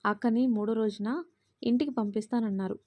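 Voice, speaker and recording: Woman voicing a steady, caring young husband. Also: fairly high pitch, fairly quick, no room sound, lightly acted. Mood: reassuring. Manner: soothing, reassuring.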